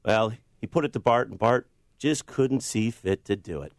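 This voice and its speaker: A man with a deep, passionate voice telling a true legal story as a theatrical western yarn, with dramatic pauses, as a guest on a talk show. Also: no echo, clean studio sound. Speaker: real estate attorney, guest.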